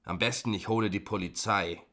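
A man's voice: on the low side, steady tone, fairly quick, pushed and bright. A man reading an audiobook, voicing a blustering, bigoted middle-aged male driver who rants and talks down to people. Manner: ranting, condescending.

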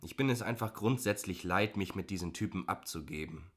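A man's voice: sits low, brisk. A male audiobook reader voicing a young female assistant who sounds cool and worn out. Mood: weary. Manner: cool and weary. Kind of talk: audiobook dialogue.

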